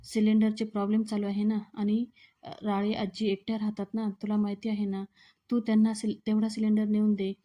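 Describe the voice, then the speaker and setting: A woman's voice: mid-range voice, monotone, fairly quick, muffled recording, close to an everyday voice. A woman reading the lines of a worried middle-aged mother who scolds her son, in a plain pleading tone. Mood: scolding.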